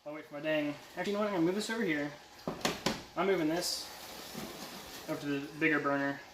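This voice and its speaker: Background cooking sounds echo around the indoor kitchen as a livestreaming man jokes and teases in a casual chat, now and then slipping into silly sing-song. He talks fast, his voice a little high and his intonation fairly even.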